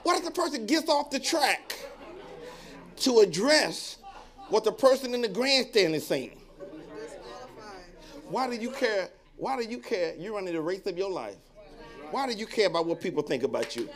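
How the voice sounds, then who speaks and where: Male pastor, high voice with wide swings, playful storytelling sermon, acts out hecklers, goes soft and low to exhort. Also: moderate pace, long pauses, a crowd in the background. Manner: animated and joking, acts out voices of onlookers; drops to a low, quiet tone when reading and exhorting.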